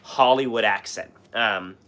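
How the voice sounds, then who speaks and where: Speaking unhurriedly in a lowish, pushed, bright voice, this young West Coast livestream host from Washington State rambles through casual chat with viewers. Fillers and restarts come often, along with coughing and throat clearing, since he's sick.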